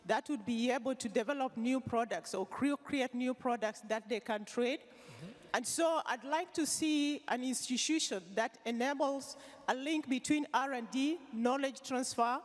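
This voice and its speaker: A woman from the audience asking a question at a forum, measured and with hesitant fillers. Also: high-pitched. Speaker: audience member. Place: large conference hall. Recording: reverberant hall.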